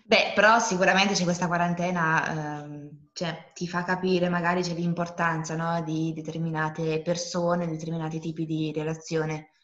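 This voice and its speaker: Young woman, lowish pitch, roomy muffled sound, hesitant casual chat. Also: little pitch movement, normal speed, hardly any pauses, a bit bright. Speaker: podcast guest. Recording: dull, echoey lo-fi sound.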